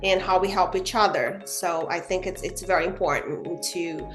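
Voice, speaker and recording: A woman from Brazil, a guest realtor speaking in a casual interview, earnest and animated, with frequent "you know" fillers. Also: on the low side, normal speed, soft background music.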